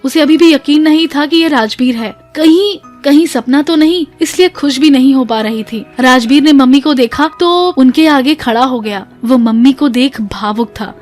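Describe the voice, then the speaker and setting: High-voiced woman narrating a family story. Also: normal speed, few pauses, a little mellow, soft background music. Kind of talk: scripted narration.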